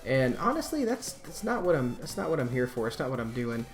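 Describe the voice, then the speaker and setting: A man's voice: mid-range voice, very animated, a little fast, faint music behind. A man hosting a Let's Play, giving casual, rambling gameplay commentary in a laid-back way.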